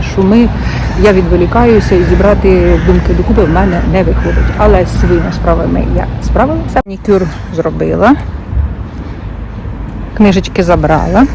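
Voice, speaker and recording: A woman's voice: mid-range voice, noisy background. A woman book blogger in a casual vlog, talking chattily and thinking aloud with small fillers.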